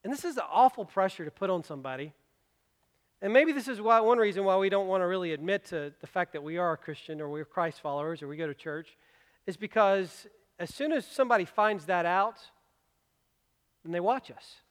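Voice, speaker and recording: A man's voice: high-pitched, lively intonation, brisk. A man preaching a sermon as pastor, talking conversationally and with emphasis, mixing in personal asides. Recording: long reverb of a large hall.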